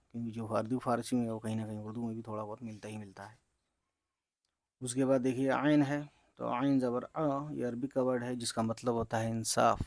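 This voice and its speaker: A man teaching beginners to read Urdu, spelling words out letter by letter in a slow, patient way and talking to viewers as friends. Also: mid-range voice, gravelly, darkish tone, no room sound, clean studio sound.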